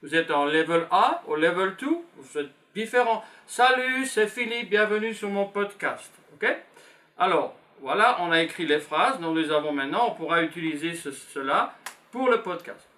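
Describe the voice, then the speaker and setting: In a beginners' French class, the Belgian teacher, a man in his fifties, has a high-pitched, expressive voice with a sharp tone. Slowly and patiently, he repeats simple phrases as he writes them out.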